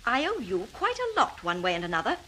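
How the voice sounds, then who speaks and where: Freed captive woman, radio drama: tired, embittered, quietly menacing, bright-edged voice. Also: on the high side, wildly swooping pitch, brisk, a little hiss or hum, heavily acted. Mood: quietly vengeful. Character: weary freed captive wife, bitter and quietly vengeful. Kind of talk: scripted radio thriller acting.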